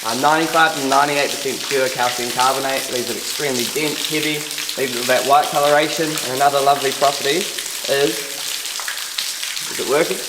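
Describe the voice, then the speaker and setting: A man's voice: medium pitch, fairly even intonation, fairly quick, heavy background noise. Man with cave echo, guiding a tour. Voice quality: voice echoing in a cave. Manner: joking, laid-back. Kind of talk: casual guided-tour commentary. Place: inside a limestone cave. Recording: echoing cave, distant mic, background music.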